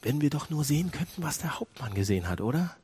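Man preaching with a widely swinging pitch. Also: big pitch swings, quick pace, breathy edge. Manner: swings from soft and low to loud and high; asks the congregation direct questions. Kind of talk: sermon.

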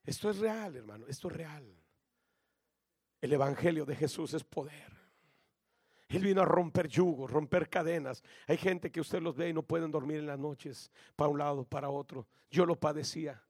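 A man preaching a sermon, addressing listeners as brother, swinging between shouted climaxes and low, quiet passages. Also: normal speed, breathy edge, no echo, clean studio sound. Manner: acts out quoted voices in his story.

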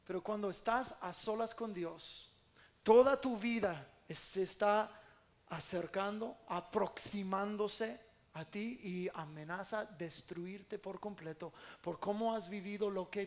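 A man preaching a sermon with passion, acting out quoted prayers in loud bursts. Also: sits high.

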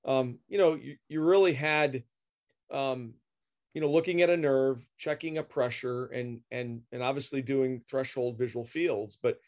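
A man's voice: mid-range voice, unhurried, darkish tone. A middle-aged man answering interview questions as a guest expert, explaining at length with many fillers and repeated words. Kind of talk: professional interview.

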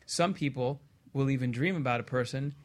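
Taking part in a panel discussion as a guest expert, a man with a mid-range voice explains things in a measured way, his phrasing careful and halting.

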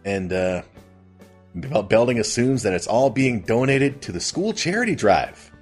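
A man with a slightly husky, mid-pitched voice hosts a casual comedic episode recap. He rambles and sounds amused by his own retelling, with music playing behind him. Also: very animated, unhurried. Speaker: host.

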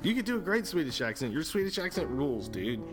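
A man hosting a comedy podcast, relaxed and joking as he prompts his co-host. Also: fairly high pitch, fast, over loud music. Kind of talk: casual comedy banter.

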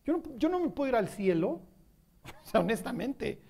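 A man's voice: very high-pitched, sing-song, moderate pace, gravelly, a little mellow. A man with a Mexican accent preaching a sermon, talking conversationally and often checking whether the audience follows. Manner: conversational, asks the audience questions.

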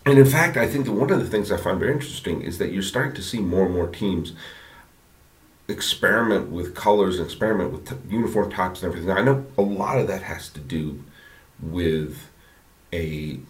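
Casting: male podcast host, low voice, loose off-the-cuff delivery that stops and restarts, strong bathroom echo. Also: animated, moderate pace. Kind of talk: casual rambling monologue. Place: home bathroom, indoors. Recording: echoey bathroom reverb.

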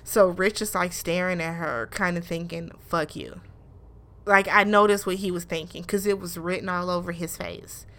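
A woman casually recapping a reality show in a blunt, animated way, with frequent swearing. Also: fairly low pitch, normal speed, few pauses. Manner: mimics show cast members in raised voices.

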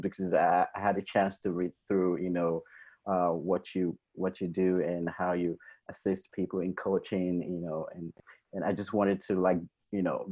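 A man's voice: sits low, darkish tone, breathy edge. A man hosting a podcast interview in casual chat, enthusiastic and rambling, heard over a video call. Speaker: podcast host.

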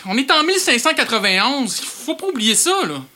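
A woman's voice: high voice, very animated, brisk, pushed and bright, heavily acted. A woman voicing an exasperated male amateur theatre director with a Quebec French accent, who keeps correcting his actors.

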